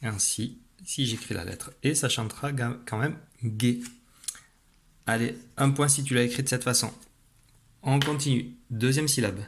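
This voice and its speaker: A man teaching a young pupil a spelling rule in an online lesson, patient and clear, slowing down as he demonstrates. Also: medium pitch, a little hiss or hum. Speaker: primary school teacher.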